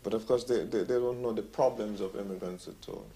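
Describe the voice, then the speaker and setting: A man's voice: on the low side, steady tone, fairly quick, dark tone. A middle-aged man, a bakery foreman telling a long story in an interview, with many "you know"s and "um"s. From West Indies. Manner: rambling, repeats "you know" and "um", acts out quoted voices.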